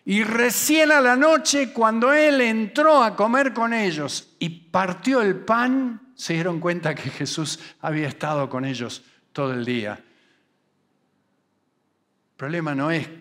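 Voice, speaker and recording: A man with a Rioplatense Spanish accent preaching a sermon at a youth camp. He acts out quoted voices, dropping low and quiet for asides, and slows and rises for emphasis.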